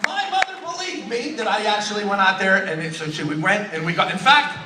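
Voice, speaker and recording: A man's voice: high voice, a little fast, a little hiss or hum. A middle-aged man, a ventriloquist comedian, telling stand-up stories on a live stage and acting out the dialogue. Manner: animated, acts out remembered dialogue. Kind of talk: stand-up storytelling. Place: live stage at open mic. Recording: echoey live room, distant mic, crowd.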